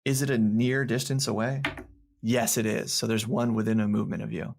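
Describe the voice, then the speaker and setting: A man's voice: on the low side, level tone, fairly quick, vocal fry, a little mellow. A man narrating a tabletop game as game master, describing scenes in a rambling way full of fillers and laughs. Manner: laughs often between descriptions.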